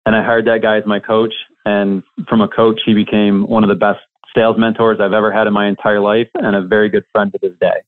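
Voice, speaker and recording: A man's voice: on the low side, flat delivery, a little fast, hardly any pauses. Man on a tinny phone line. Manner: earnest, reflective, candid. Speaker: guest, staffing business coach. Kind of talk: storytelling interview answer.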